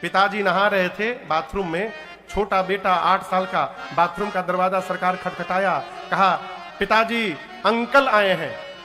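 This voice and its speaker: A man's voice: high voice, unhurried. A middle-aged man telling a devotional story as a sermon, acting out the characters and breaking into sung verses. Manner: animated storytelling, chanted verses, voices for characters. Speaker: kathavachak storyteller preacher. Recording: large hall with long reverb. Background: devotional music playing.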